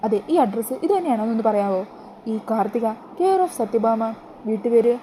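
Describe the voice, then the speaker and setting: A woman's voice: fairly high pitch, animated, brisk, mellow, slight background noise, lightly acted. A woman voicing a polite male postman checking an address.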